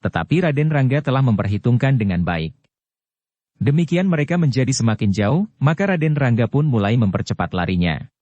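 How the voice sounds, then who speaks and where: A man reading a martial-arts novel aloud as a steady audiobook narrator who barely changes his voice for the characters. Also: medium pitch, a little fast, no room sound, highs cut off.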